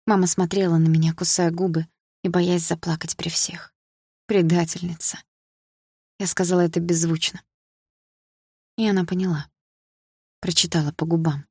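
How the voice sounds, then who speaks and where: A woman reads a first-person audiobook in a calm, measured way. Her voice sits low, and the recording is dry and close, with no room sound. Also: breathy edge, no echo. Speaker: audiobook narrator.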